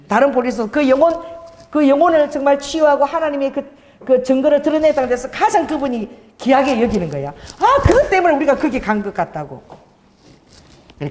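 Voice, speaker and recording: A woman pastor preaching a sermon, telling a story with lively quoted voices. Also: a little high, in a large hall.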